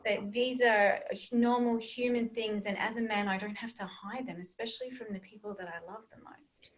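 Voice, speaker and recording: A woman hosting an interview, asking gentle, searching questions and stringing several words together. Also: on the high side, fairly even intonation, moderate pace, poor audio. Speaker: interview host.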